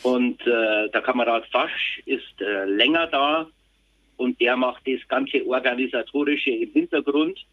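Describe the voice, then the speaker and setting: A man in his fifties speaking haltingly as an army reservist recounting in an interview. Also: mid-range voice. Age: 50s. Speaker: army reservist sergeant, podcast guest. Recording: husky-sounding tinny phone-like line.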